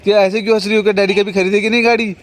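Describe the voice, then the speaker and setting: Young dad from western up, high voice, gentle and playful with his kid, loud street noise on a phone clip. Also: flat delivery, racing. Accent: Hindi-Urdu from western Uttar Pradesh. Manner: coaxing, gentle, playful with a small child. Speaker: vlogger and father. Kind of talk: casual vlog, talking to his toddler. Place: outdoors by a street market.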